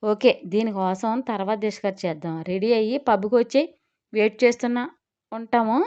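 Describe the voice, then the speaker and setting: A woman's voice: mid-range voice, fairly even intonation, normal speed, a little mellow, dull audio, natural voice. A woman voicing a scheming young woman friend with a sugary, coaxing way of talking.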